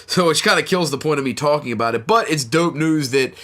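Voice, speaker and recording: With a little high, slightly fast, somewhat bright voice, a man runs his horror podcast as casual chat. He sounds congested from a cold and talks in a relaxed, slangy style packed with fillers.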